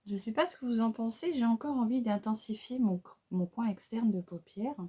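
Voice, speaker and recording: A woman's voice: a little high, normal speed, dark tone, breathy edge. A woman with a French accent chatting through a makeup tutorial, hesitant and casual, with many fillers and restarts. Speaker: beauty vlogger.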